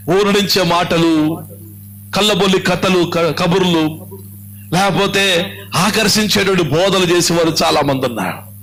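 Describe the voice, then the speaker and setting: A man with a Telangana Telugu accent preaching a church sermon, asking rhetorical questions and swinging his pitch up and down. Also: pushed and bright, poor audio. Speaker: pastor. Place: church hall.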